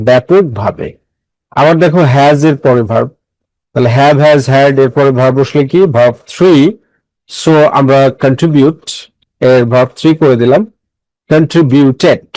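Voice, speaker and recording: A man's voice: fairly high pitch, darkish tone, no room sound, poor audio. A man teaching English grammar, explaining step by step, repeating phrases and quizzing his students, mixing English words into his talk. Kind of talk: classroom lecture.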